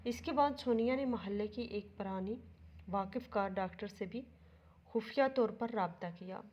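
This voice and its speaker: A woman's voice: medium pitch, dull audio. A woman reading an emotional moral story aloud as narrator, speaking the lines of its characters too. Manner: steady emotional storytelling with quoted dialogue. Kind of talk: scripted narration.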